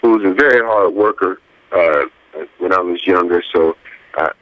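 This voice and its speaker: A man from Chicago answering radio interview questions in a hesitant, halting way with many fillers. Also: low-pitched, dry recording, phone-quality sound. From Chicago, USA. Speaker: guest, graphic designer.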